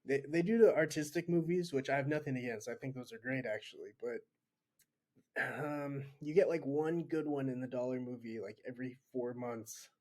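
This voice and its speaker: Man telling animated casual stories. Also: mid-range voice, normal speed. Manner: animated storyteller, laughs easily. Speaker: podcast guest. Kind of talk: casual chat.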